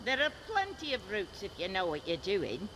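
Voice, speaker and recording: A woman's voice: medium pitch, wildly swooping pitch, moderate pace, a bit bright, slight background noise. An actress playing a self-assured blind wandering woman in a fantasy game, wry and teasing. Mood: wry, confident.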